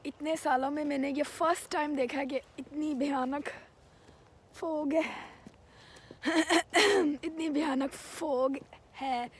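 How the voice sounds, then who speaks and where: A hoarse woman talking casually in a home vlog, explaining things as she cooks in her kitchen. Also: sits high, steady tone, measured pace, a little mellow, slight background noise. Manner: whispering hoarsely at first; chatty, cooking while explaining. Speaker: vlogger.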